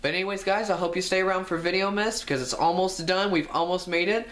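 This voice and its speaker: A man's voice: high voice, quick pace, fairly bright tone. A young man telling a storytime rant on his vlog, exasperated, his voice jumping up when indignant. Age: young adult. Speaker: vlogger.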